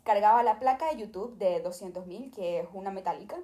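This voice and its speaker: A young woman with a Venezuelan accent tells her story straight into a desk microphone. She retells it dramatically and acts out the people involved. Her voice sits in a middle pitch and the room around her sounds echoey. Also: a little fast, mellow. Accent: Venezuelan Spanish. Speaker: YouTuber. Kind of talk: storytime vlog.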